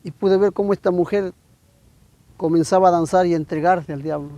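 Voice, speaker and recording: Very high-voiced gravelly man giving testimony. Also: fairly even intonation, warm tone, dry recording, muffled recording. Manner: halting, keeps addressing the listener as "hermano". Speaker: guest giving a religious testimony. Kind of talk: emotional personal testimony.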